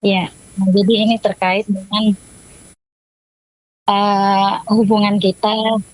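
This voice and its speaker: A woman from West Sumatra calling in to a live show, hesitant and halting, her voice cutting in and out on a choppy line that fades like weak shortwave radio. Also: mid-range voice, flat delivery. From West Sumatra, Indonesia. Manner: hesitant, halting, many fillers. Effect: choppy phone line fading and cutting out like weak shortwave radio. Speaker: phone-in caller. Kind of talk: live call-in question. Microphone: telephone. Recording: dry, broken-up phone line.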